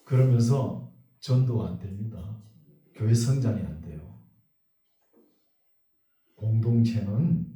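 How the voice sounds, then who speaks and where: A male pastor giving a sermon in a church sanctuary. He reads scripture slowly, then speaks in a conversational, joking way. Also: lowish voice, animated, mellow. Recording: very echoey hall, voice from far off.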